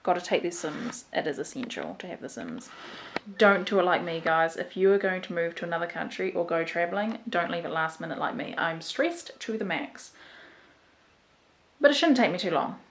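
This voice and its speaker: A woman's voice: fairly low pitch, expressive, normal speed, echoey room, a little hiss or hum. A young woman in her twenties with a New Zealand accent, talking candidly and rambling to her camera at home in a casual vlog. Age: 20s. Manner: rambling, candid, self-deprecating. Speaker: vlogger. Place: bedroom at home.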